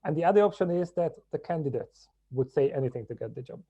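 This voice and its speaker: A man from Hungary, a podcast guest telling his story in a measured, reflective way. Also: a little high, lively intonation, mellow, slightly rough, lo-fi sound. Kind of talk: podcast interview.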